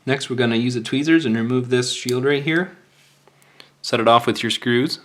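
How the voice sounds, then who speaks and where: This man, a presenter of phone repair tutorials, walks through a hands-on repair one step at a time. He talks at normal speed in a mid-range voice, plain-spoken, informal, and explanatory.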